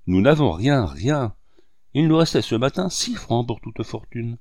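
A man's voice: mid-range voice, sing-song, measured pace, a little mellow, no echo, clean studio sound. A man voicing a poor young wife who speaks frankly and exclaims. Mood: exclaiming.

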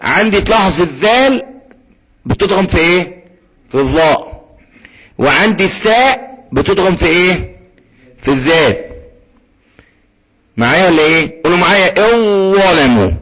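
Husky Egyptian man drilling recitation. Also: sits high, expressive, a bit bright, lo-fi sound. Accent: Egyptian Arabic. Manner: drills students, slowly sounding out letters. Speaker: Quran recitation teacher. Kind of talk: tajweed lesson with call-and-repeat drills.

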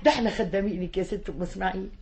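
A woman's voice: mid-range voice, rapid-fire, a little mellow, lightly acted. An actress playing a bustling Egyptian village mother who scolds her daughter and fawns over a grand lady, in a 1960s radio drama. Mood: fawning. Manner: scolding, then fawning to the lady. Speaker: the girl's mother.

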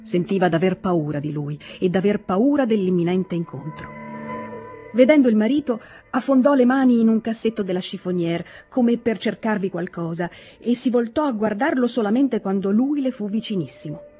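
A woman reading a classic novel aloud in a measured, expressive narration. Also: medium pitch, soft background music. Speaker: audiobook reader. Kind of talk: literary audiobook narration.

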